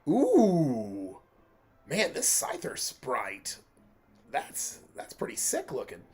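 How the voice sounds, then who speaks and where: A man's voice: mid-range voice, huge pitch swings, extremely slow, a little mellow, slightly rough, faint music behind. Congested young man chatting while streaming. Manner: chatty, laughs often, lots of uh fillers. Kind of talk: casual let's-play stream chat.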